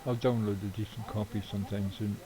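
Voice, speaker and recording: Over a crowd in the background and poor audio, a middle-aged gamer talks fast in a lowish, fairly flat voice. His live-stream chatter rambles, with casual swearing and chuckles at his own jokes.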